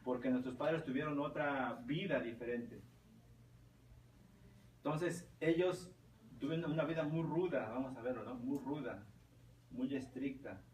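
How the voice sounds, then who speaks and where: A man's voice: mid-range voice, unhurried, long pauses, a little mellow. A man leading an informal Bible class, rambling and checking in with tag questions. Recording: roomy, distant mic, faint noise.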